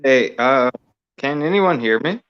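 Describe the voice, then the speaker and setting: A man's voice: medium pitch, lively intonation, clean tone. Man talking over a dull phone line. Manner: halting, many fillers. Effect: speaking over a phone line. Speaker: panel participant calling in. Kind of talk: casual group discussion.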